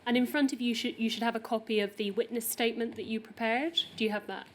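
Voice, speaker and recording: A woman's voice: a little high, fairly even intonation, fast, a little hiss or hum. A woman with a Northern Irish accent, questioning a witness at a formal hearing in a polite, methodical way. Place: inquiry hearing room.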